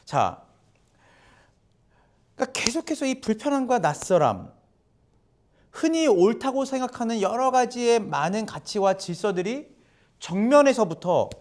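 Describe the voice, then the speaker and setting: A man's voice: very high-pitched, sing-song, a little slow, pauses often, darkish tone. A male pastor giving a sermon in a church, chatty and conversational, often putting questions to the congregation. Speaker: guest pastor. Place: church sanctuary.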